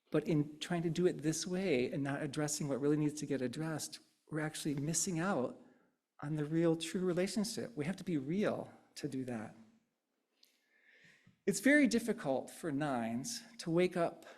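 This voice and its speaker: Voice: mid-range voice, a little mellow. Conversational speaker leading an interactive sermon. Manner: conversational, often adding "right?"; repeats and riffs on audience answers. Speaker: speaker at a congregation service. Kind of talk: interactive sermon with congregation answers.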